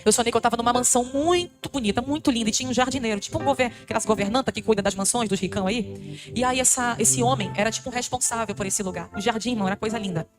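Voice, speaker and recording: A woman's voice: fairly high pitch, rapid-fire, music in the background. A Brazilian woman missionary giving a fervent, emotional testimony to a church congregation, calling them brothers. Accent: Brazilian Portuguese. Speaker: missionary preacher.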